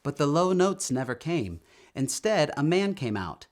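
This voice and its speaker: A storybook reader with a slightly high male voice reads a children's story aloud, expressive and deliberate in his storytelling.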